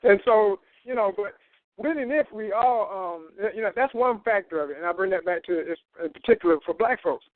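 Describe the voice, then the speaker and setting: A man with a high voice makes his points emphatically, again and again asking whether his listeners follow him. He comes through a tinny, narrow phone line with a dry, close sound. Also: brisk, no room sound. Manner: emphatic, keeps asking "you know what I'm saying". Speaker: guest on a radio talk show. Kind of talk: casual panel discussion.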